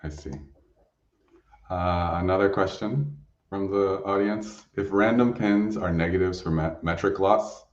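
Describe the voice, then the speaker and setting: Male Q&A host, deep bass register, reading questions, slightly dull distant recording. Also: steady tone, measured pace, roomy sound. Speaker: session host and moderator.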